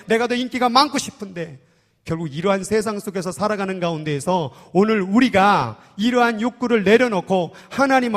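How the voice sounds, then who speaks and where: A man in his thirties leads a church sermon as pastor. His voice sits high for a man and carries through a large hall with a long reverb. He speaks conversationally and keeps prodding the congregation with playful questions. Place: church sanctuary.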